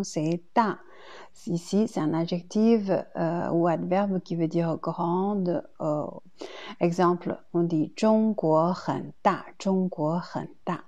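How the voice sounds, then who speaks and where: Slow, gravelly Chinese-accented woman teaching. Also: on the low side, dark tone. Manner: slow, deliberate, repeats each example twice. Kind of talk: language lesson.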